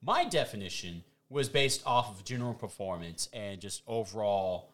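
A man co-hosting a casual podcast chat, animated and playful, swearing freely as he argues his point. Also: fairly low pitch, normal speed. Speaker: podcast co-host. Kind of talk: casual chat ranking movie villains.

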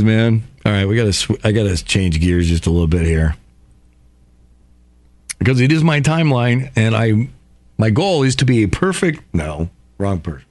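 A male radio host talking in a casual monologue, profane, excitable and rambling. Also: mid-range voice.

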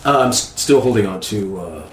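Lively man playing a tabletop game. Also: fairly low pitch, fairly quick, noisy background. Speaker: player. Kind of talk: casual tabletop game play. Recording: roomy echo with faint music.

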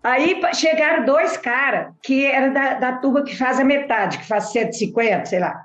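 Give me a woman, animated and acting out dialogue, recorded in an echoey room. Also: high voice, normal speed. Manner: lively, animated, acts out quoted dialogue. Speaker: podcast guest. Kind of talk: casual storytelling. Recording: echoey room, slightly dull sound.

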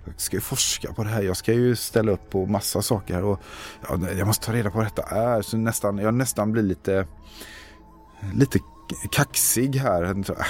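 A man's voice: fairly low pitch, fairly even intonation, hardly any pauses, darkish tone. A man playing a tabletop role-playing game, describing his character's actions in a hesitant, stammering way while thinking aloud. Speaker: player. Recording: faint music behind.

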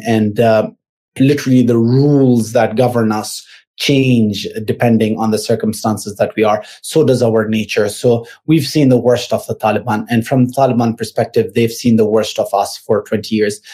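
A man's voice: lowish voice, mellow. A man from Afghanistan who teaches at a university, answering interview questions in a hesitant way with many fillers and restarts. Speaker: guest analyst.

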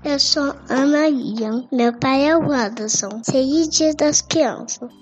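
A woman's voice: high-pitched, slow, lo-fi sound. A female speaker with a Brazilian accent, reading out a scripted explanation of game rules.

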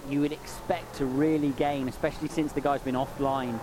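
A man's voice: medium pitch, flat delivery, a little fast. A man giving conversational live motorsport commentary and analysis on a race. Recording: loud engine noise behind.

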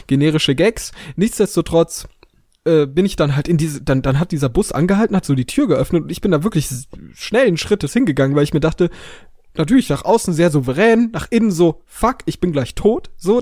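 A man co-hosting a podcast, telling a story in a casual way and acting out the dialogue with lively voices. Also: a little high, fairly quick, no echo, clean studio sound. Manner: animated storyteller who acts out dialogue. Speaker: podcast co-host.

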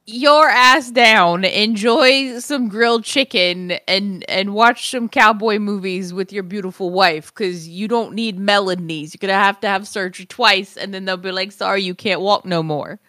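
Bright-voiced woman co-hosting a podcast. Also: mid-range voice, no echo, studio quality. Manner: teasing, quick to react. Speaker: podcast co-host. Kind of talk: casual podcast chat.

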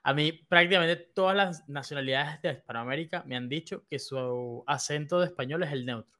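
A man with a Venezuelan accent in a casual podcast chat, animated with laughing asides. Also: a little high, brisk.

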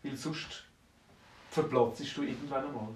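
A man voicing a calm, helpful male wizard in a bedtime story, with a Swiss German accent and an explaining manner. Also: mid-range voice, a little slow, lightly acted. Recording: roomy, distant from mic.

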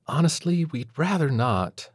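A man puts on a prim female kindergarten teacher in an audiobook, her voice lifted well above his own deep register. She talks down sweetly, preachy and passive-aggressive, recorded close and dry. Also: sing-song, a little slow, slightly rough, no room sound, exaggerated voice. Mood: sugary preachy. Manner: condescending, sugary, preachy. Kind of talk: audiobook character voice.

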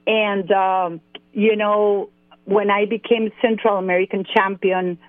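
A woman's voice: mid-range voice, flat delivery, unhurried, no echo. A woman in her forties with a Costa Rican Spanish accent, a guest telling her story in an interview and laughing easily. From Costa Rica. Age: 40s. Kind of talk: interview by phone. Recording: dry phone-line audio.

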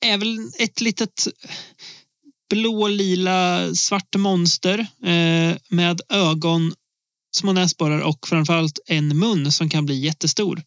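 A man with a fairly high voice talks in a relaxed way, laughing often and pausing with "eh". The sound is dry and close, with a dull, lo-fi quality. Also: clear, resonant tone, no room sound. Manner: relaxed, laughs a lot, many hesitations. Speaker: podcast co-host. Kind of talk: casual film podcast chat.

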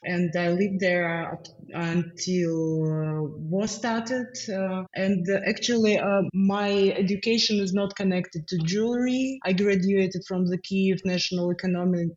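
A woman with a Ukrainian accent answers interview questions, pausing often with fillers and small laughs. Her voice sits mid-pitch and comes through dull remote-call audio. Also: fairly even intonation. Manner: hesitant, many "uh" fillers, soft laughs. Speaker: guest, foundation founder.

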